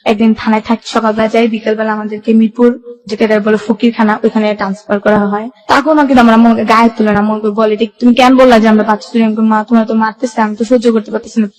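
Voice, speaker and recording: The audio is poor, but a young woman's voice comes across as on the high side, slightly mellow, flat and quick. Speaking as a guest with a Bangladeshi Bengali accent, she narrates her personal history in colloquial run-on sentences with reported speech.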